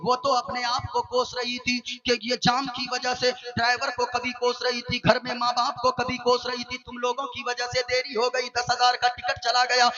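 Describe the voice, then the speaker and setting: A male preacher giving an Islamic sermon, telling a story and acting out its characters with shouts. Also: very high-pitched, highs cut off. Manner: animated, acts out king and minister with shouts.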